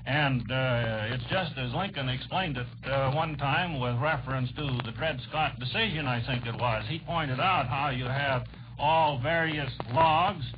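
An American man argues earnestly as a panelist in a 1940s radio political debate, his medium-pitched voice a little slow. The old radio recording is noisy and muffled.

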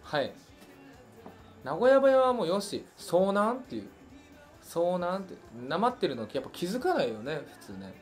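A young man from Hiroshima with a Hiroshima accent, chatting casually while he answers fan questions on a livestream. His pitch swings up and down lively as he muses aloud with plenty of fillers. Faint music plays underneath. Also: brisk. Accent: Hiroshima Japanese. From Hiroshima, Japan. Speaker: singer hosting a fan livestream.

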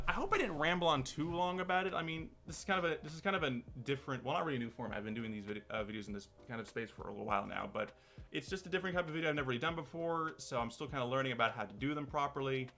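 Bright-voiced man rambling casually. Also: medium pitch, animated, racing. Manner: rambling, loose, full of restarts. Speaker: channel host. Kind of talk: casual talk-to-camera commentary.

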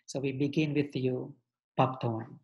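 Middle-aged man, medium pitch, formal scripted talk read aloud, scholarly moderator, measured delivery, video-call mic. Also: fairly even intonation, highs cut off. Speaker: moderator introducing artists. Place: lamp-lit room at home. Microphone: computer mic on video call.

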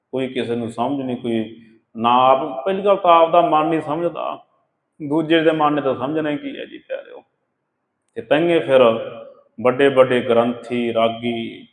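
A man giving a sermon on scripture, asking rhetorical questions and chanting verses slowly. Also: medium pitch. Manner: addresses listeners as beloved ones, rhetorical questions, chants scripture lines slowly. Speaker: katha preacher. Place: gurdwara hall. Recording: echoey hall with long reverb.

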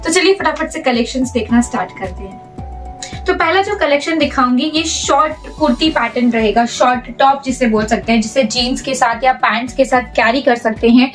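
High-pitched indian woman, chatty shop sales pitch, sounds a bit far off w soft music behind. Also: normal speed. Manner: chatty, persuasive, repeats words for emphasis. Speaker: presenter for a clothing wholesaler. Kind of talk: product showcase sales pitch. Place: clothing shop.

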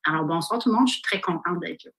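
A middle-aged woman from Northern Ontario, a director of education, introducing herself on a video call in a measured, formal way with frequent fillers. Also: fairly low pitch, vocal fry, a bit bright, rough recording.

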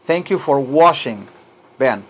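Slow-drilling male English teacher. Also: medium pitch, animated, slightly rough. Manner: slow, drawn-out modeling of English phrases, repeating each word; playful teasing asides. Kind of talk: language lesson.

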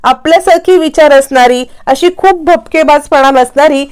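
A woman's voice: high voice, darkish tone, voice pushed up, close to an everyday voice. A woman retelling a TV serial voices a proud middle-aged mother who spells out what she wants in a daughter-in-law. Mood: firm. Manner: deliberate, listing her wishes. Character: proud middle-aged mother seeking a bride for her son.

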